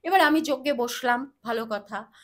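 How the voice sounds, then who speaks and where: High-voiced woman telling a dramatic story. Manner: dramatic storyteller, chants mantras slowly. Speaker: astrologer guest. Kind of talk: storytelling in a podcast interview.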